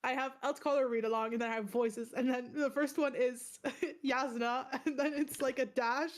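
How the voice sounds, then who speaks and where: A woman's voice: high voice, steady tone, moderate pace. Giggly young woman co-hosting a podcast. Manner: bubbly, giggly, lots of fillers. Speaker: podcast co-host. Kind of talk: casual chat.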